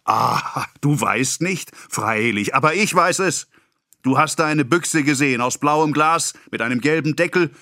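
A male narrator voicing a pompous, excitable middle-aged apothecary who rants and scolds in a self-important way. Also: a little high, dry recording, clean studio sound, voice pushed up, exaggerated voice. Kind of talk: audiobook character voice.

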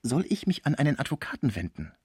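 A man doing a shrill indignant old concierge woman. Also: very animated, fast talker, a little mellow, husky, dry recording, clean studio sound. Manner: indignant, overwrought, protesting honesty. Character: shrill scheming middle-aged female concierge-nurse.

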